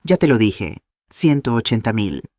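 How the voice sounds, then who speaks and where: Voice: mid-range voice, very animated, a little slow, dark tone, dry recording, studio quality. A storyteller voicing a desperate, indebted grown son who pleads and raises his voice.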